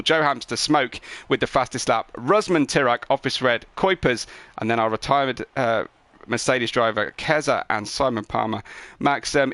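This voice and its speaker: A man's voice: mid-range voice, fairly bright tone, no echo. Male host, chatty post-race interviewer, dry close sound. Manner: upbeat, chatty, frequent ums. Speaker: league broadcast host.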